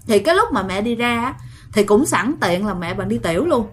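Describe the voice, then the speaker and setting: A woman's voice: medium pitch, lively intonation, fairly quick, slight background noise. A woman telling a ghost story in a casual, chatty way, talking straight to her listeners. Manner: chatty, addresses listeners directly.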